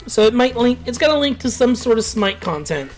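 Chill rambly game commentator, ranty, mid pitch, faint music behind. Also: sing-song, a little fast. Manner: rambling, ranty, laid-back with filler words. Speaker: gameplay commentator. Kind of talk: casual rambling commentary over gameplay.

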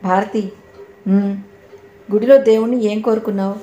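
A woman's voice: mid-range voice, fairly even intonation, normal speed, mellow, natural voice. A woman voicing a young man, an affectionate and playful husband, in a storybook reading. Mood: tender. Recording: echoey room, faint background noise.

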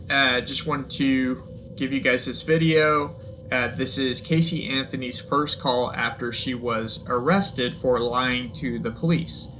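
A man's voice: medium pitch, sharp tone, a little hiss or hum, poor audio. A man casually introducing a video as its host, addressing viewers directly.

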